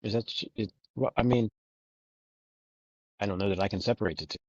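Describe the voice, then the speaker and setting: A man's voice: fairly low pitch, a little fast, no room sound. A man co-hosting a podcast, talking loosely about a book, rambling, joking and swearing a lot. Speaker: podcast co-host. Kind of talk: casual book discussion. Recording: dull lo-fi recording.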